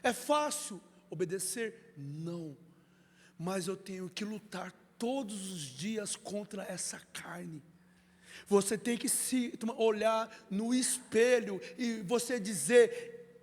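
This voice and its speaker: A male pastor preaching a sermon, acting out dialogues and building to shouts, in a church. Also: sits high, takes it slowly. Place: church sanctuary. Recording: reverberant church hall.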